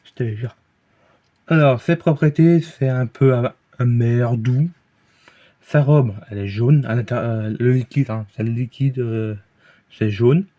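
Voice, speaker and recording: A man with a Belgian French accent talks through a beer review in an easygoing, meandering way, stumbling over words and circling back on himself. His voice sits at an ordinary middle pitch for a man. The recording is somewhat dull and lo-fi, as if captured at home. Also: a little slow. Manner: hesitant, rambling, many fillers and restarts. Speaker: vlogger reviewing beers. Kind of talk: casual rambling review.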